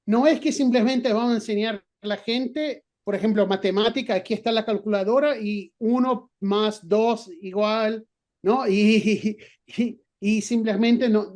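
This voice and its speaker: A middle-aged man with an Argentine Spanish accent, though not from Argentina, answers interview questions as a guest professor. His high, slightly mellow voice thinks aloud, full of restarts and fillers.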